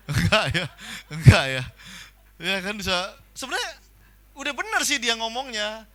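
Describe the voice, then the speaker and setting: A man preaching a sermon in a church, talking with animation and acting out the people he quotes in loud bursts. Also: sits high, animated, unhurried. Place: church hall.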